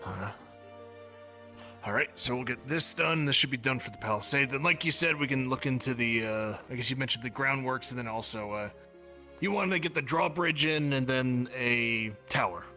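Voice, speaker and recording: A man's voice: medium pitch, normal speed, sharp tone, soft background music. A man role-playing in an online game, chatting in character with a hesitant delivery and stammered restarts. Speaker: role-play game player. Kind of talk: in-character improvised chat in a game.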